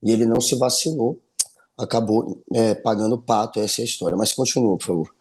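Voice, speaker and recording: A man's voice: lowish voice, a little fast, a little mellow, husky. A Brazilian man giving casual explanatory commentary, interjecting informally to clarify and correct. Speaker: political commentator.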